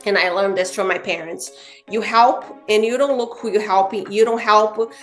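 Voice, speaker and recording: A woman from Brazil speaks in an earnest, animated way, and her pitch jumps up to stress a point. Her voice sits in the middle range for a woman. Faint music plays behind her. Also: moderate pace. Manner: earnest, animated, with frequent "you know" fillers. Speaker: guest realtor. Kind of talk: casual interview chat.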